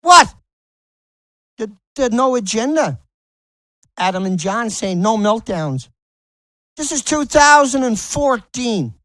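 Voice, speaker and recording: A man's voice: high-pitched, lively intonation, measured pace, a bit bright, no echo. A male host ranting in angry, mocking commentary, swearing constantly.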